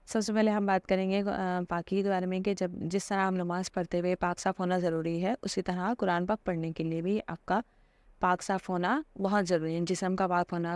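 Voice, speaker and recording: A woman with a lowish, smooth and clear voice talks through a religious lesson. She explains patiently, pausing on fillers and checking in with listeners. The sound is close and dry, with no room around it. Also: a little mellow, dry recording. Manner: patient and explanatory, with many fillers and repeated "theek hai". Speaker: Islamic teacher.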